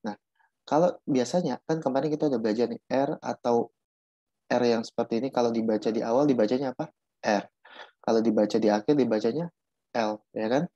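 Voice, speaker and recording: A man's voice: mid-range voice, brisk, mellow, dry recording. A man teaching Korean pronunciation in a casual online class, repeating himself and restarting while he explains. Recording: dull muffled audio.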